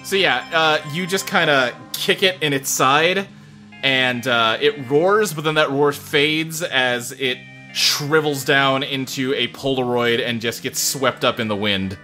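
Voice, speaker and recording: A man's voice: medium pitch, measured pace, pushed and bright, soft background music. A man improvising narration as game master in a hesitant, conversational way.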